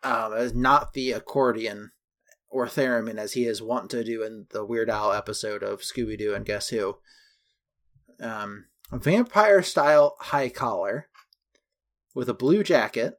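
A man's voice: mid-range voice, unhurried, a bit bright. A man co-hosting a casual film recap podcast, chatty and detailed, going through costumes item by item. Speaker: podcast co-host.

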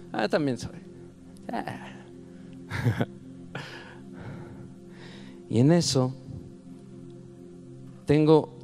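A man's voice: on the high side, a little mellow. Fervent man preaching a sermon. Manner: conversational storytelling building to fervent exhortation.

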